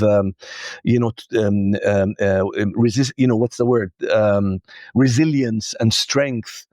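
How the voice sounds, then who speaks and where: A man around fifty, raised in Kuwait, speaking as an interview guest and telling his story in an outspoken, animated way with many fillers. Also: mid-range voice, dry recording, clean studio sound. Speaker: guest, film producer. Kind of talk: casual interview conversation.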